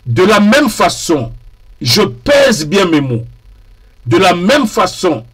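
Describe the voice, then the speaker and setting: Slow, emphatic high-voiced man. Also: sing-song, breathy edge. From DR Congo. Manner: deliberate and emphatic, repeats key phrases for weight. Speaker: political commentator on a TV show. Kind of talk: televised political commentary.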